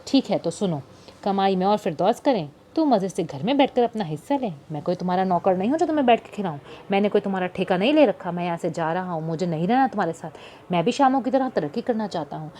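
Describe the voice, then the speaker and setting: A woman's voice: medium pitch, brisk, dark tone, slight background noise, close to an everyday voice. A woman voicing a resentful young man who talks back defiantly in an audiobook. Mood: angry. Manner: defiant, scornful.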